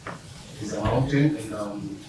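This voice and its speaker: Man, halting, lowish voice, distant, very echoey room. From Tanzania. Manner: halting, many "um"s. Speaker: workshop participant. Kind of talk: sharing a story in a group discussion. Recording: echoey room, distant mic, background noise.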